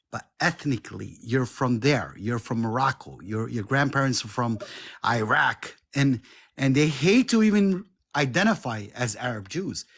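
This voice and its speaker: A man's voice: medium pitch, fairly bright tone. A man joining a livestream conversation, talking animatedly and acting out the people he argues with. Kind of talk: casual conversation.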